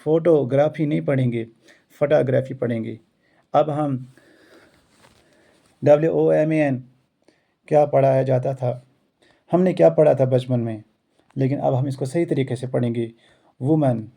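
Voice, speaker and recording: A man's voice: medium pitch, fairly even intonation, moderate pace, creaky, mellow. A male Indian schoolteacher who learned English on his own gives an earnest, motivational talk to students and teachers. He stacks up repeated rhetorical lines. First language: not English; self-taught English. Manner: earnest, repetitive rhetorical build-ups.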